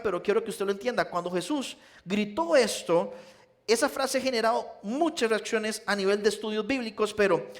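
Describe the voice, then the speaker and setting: A high-voiced male pastor with a Nicaraguan accent delivers a sermon. He tells stories and speaks straight to his listeners, moving between loud appeals and hushed, slower passages. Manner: storytelling, addresses listeners as "usted", shifts between loud and hushed.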